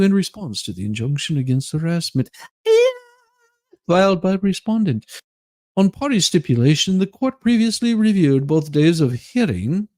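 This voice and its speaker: Performing a legal document as over-the-top comedy, this male streamer plays it theatrical and folksy, breaking off for scornful side remarks. He speaks with a fairly high, slightly mellow voice.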